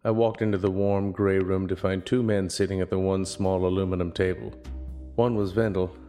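A man narrating and voicing a private investigator in a noir audio drama, with a dry, deadpan wit. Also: deep voice, moderate pace, soft background music.

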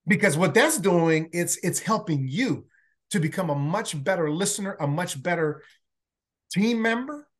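In a relaxed interview on a podcast, an earnest man from El Salvador who consults on workplace learning keeps restarting his words. Spanish is his native language and his Salvadoran accent is faint, while his high-set voice sounds animated at a moderate pace.

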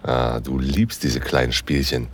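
A man narrates an intimate audio drama in the first person as a seductive, commanding university professor, sighing between phrases. His rumbling low voice is steady, measured and breathy at the edges, and heavily acted; he serves as both narrator and lead actor.

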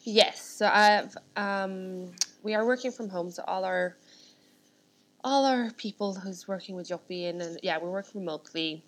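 A Swedish woman who founded a startup speaks as a guest in a casual interview chat. Her voice is mid-range and unhurried, and she rambles, restarting her sentences many times.

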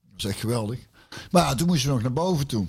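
A man's voice: medium pitch, animated, fast, a little mellow, slightly rough. Rambling, swearing storyteller man. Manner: rambling anecdotes with many fillers, swearing, laughing at his own story. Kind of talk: casual chat.

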